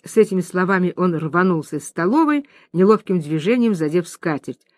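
A woman's voice: on the low side, fairly quick, no echo. Woman reading stage directions, dry. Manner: even, clear narration of stage directions. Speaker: reader.

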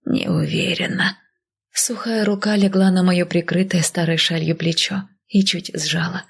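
Woman audiobook narrator, low-pitched, husky, gravelly fry, measured first-person storytelling. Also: steady tone.

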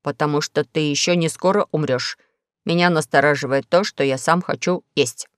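A woman voicing a polite, fussy talking spaceship in a lower, measured tone. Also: dry recording, studio quality, natural voice. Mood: prim.

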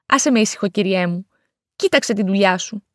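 A woman's voice: mid-range voice, dry recording, pitched below the performer's own voice, natural voice. Woman doing an annoyed driver brushing people off, dismissive, dry close sound. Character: irritated driver man brushing off criticism.

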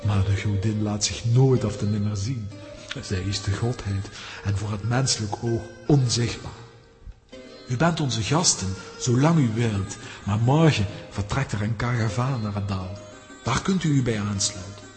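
A man's fairly low, slightly mellow voice, close to an everyday tone, takes on the role of a gravely wise head lama of a mountain monastery telling a mountain legend. His delivery is reverent, formal and measured, made for a Dutch-language children's audio drama. The recording has music behind it and the long reverb of a big hall.

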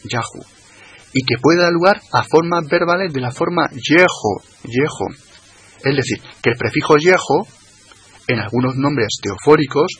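A man, a guest on a radio talk show, explaining slowly and carefully, repeating and spelling out words. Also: medium pitch, a bit bright, a little hiss or hum. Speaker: guest expert on religion.

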